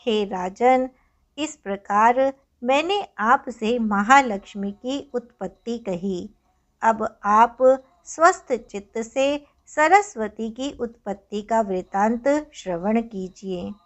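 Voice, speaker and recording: A woman reading the lines of an old male sage who formally addresses a king in a calm way. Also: on the high side, takes it slowly, lo-fi sound. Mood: solemn.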